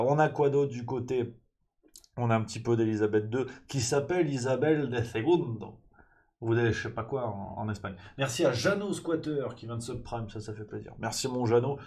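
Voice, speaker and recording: A man's voice: mid-range voice, a little mellow. A man hosting a live-streamed morning press review in a loose, joking way, reading out chat messages and thanking subscribers.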